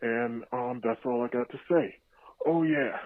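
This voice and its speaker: Heard through a tinny, dry phone line with no echo, a medium-pitched man speaks at a measured pace in a relaxed voicemail to a podcast. He gushes with hyped reactions to a show.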